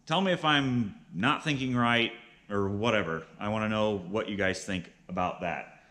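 A man's voice: on the low side, moderate pace, pushed and bright. A man in his thirties narrating a casual how-to vlog in a plainspoken, explanatory way, as its host. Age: 30s. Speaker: vlog host, beginner beekeeper. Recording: clearly noisy, with background ambience.

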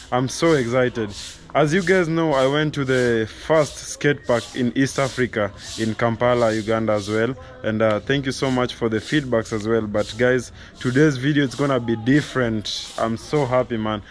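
A man from Kenya with a Kenyan accent, hosting a casual vlog and talking to camera in an enthusiastic, chatty way full of fillers. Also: mid-range voice. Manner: enthusiastic, chatty, many "you know" fillers. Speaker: vlogger host.

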